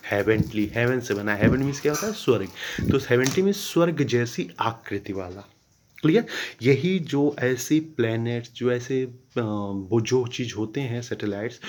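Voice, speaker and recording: A man's voice: mid-range voice, a little hiss or hum. A man teaching a school geography class, explaining terms step by step and often checking if students follow. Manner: explains step by step, keeps asking "clear?". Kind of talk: classroom lecture.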